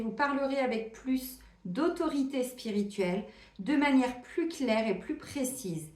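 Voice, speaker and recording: A woman giving a spiritual card reading, in a soft, meandering way with frequent hesitations and asides. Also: fairly high pitch, echoey room. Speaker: tarot and oracle card reader.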